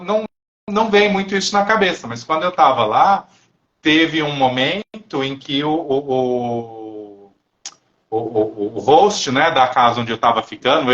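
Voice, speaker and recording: A man co-hosting a casual live stream, talking reflectively and haltingly, with many pauses and restarts. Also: mid-range voice, a bit bright, lo-fi sound. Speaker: therapist and co-host.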